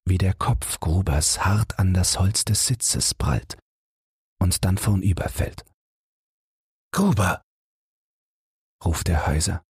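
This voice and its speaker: Male audiobook narrator for bedtime listening: deep, husky, slow, gentle and measured. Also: dry recording, studio quality. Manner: measured, gentle, unhurried storytelling. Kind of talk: calm bedtime audiobook reading.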